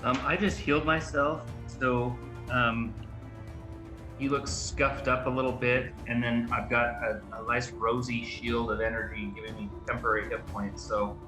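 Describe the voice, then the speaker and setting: A man playing a tabletop game, describing his character in a casual, halting, thoughtful way. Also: mid-range voice, level tone. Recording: roomy echo, music underneath.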